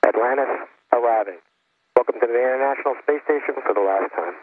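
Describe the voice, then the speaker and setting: A man's voice: mid-range voice, fast talker. A man speaking formally over a space radio link, like a sci-fi communicator. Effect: space radio transmission. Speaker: spacecraft crew member on radio. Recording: crackly narrow-band radio link, faint noise.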